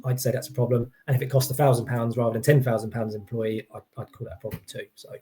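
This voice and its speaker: A man's voice: mid-range voice, fairly even intonation, fast, warm tone. A man giving an informal expert explanation, hesitant, often restarting and qualifying his points. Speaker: employee engagement consultant as guest.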